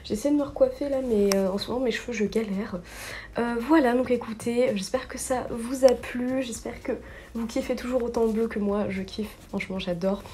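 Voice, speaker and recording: A chatty young woman talks through her makeup routine at home, her voice sitting a touch high. She drifts along with fillers and quick self-corrections, in an easygoing vlog tone. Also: steady tone, mellow, slight background noise. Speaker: beauty vlogger. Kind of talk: casual makeup tutorial narration.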